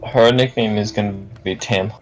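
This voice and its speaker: A man's voice: fairly low pitch, fairly even intonation, moderate pace, over music. A man playing a tabletop game, cracking jokes and laughing at his own rolls. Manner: joking, laughs often. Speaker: player. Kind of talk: casual tabletop play.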